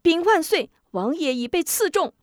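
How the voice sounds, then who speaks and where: A woman's voice: extremely high pitch, big pitch swings, moderate pace, no room sound, clean studio sound, pitched above the performer's own voice. A woman storyteller voicing a clever, humble young male fighter who speaks earnestly and deferentially. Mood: earnest, urgent.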